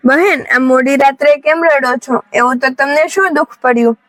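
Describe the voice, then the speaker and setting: A woman voicing a noble, kindly male king in a folk story, speaking calmly and respectfully. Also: high voice, normal speed, dry recording, natural voice.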